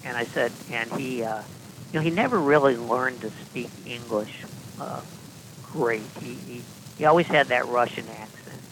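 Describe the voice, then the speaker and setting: A man, a podcast guest, telling long anecdotes in a deadpan style with dry asides and frequent restarts. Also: mid-range voice, moderate pace, slight background noise, low-quality recording. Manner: deadpan, self-correcting storyteller with dry asides. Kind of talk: casual anecdotal storytelling.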